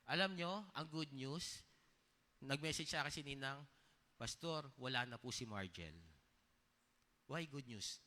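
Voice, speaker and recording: His voice is a little high, pushed and bright as this man preaches as pastor. Telling personal stories in a conversational tone, he frequently asks the congregation short questions, and the church hall gives the recording a long reverb.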